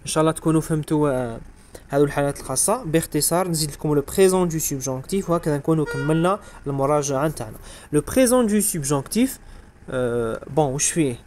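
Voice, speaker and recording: Algerian guy teaching french revision, talks super fast, spells endings out letter by letter, kinda high voice. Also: lively intonation, a little mellow, slight background noise. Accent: Algerian Arabic. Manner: explains step by step, spells out verb endings letter by letter. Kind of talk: exam revision lesson.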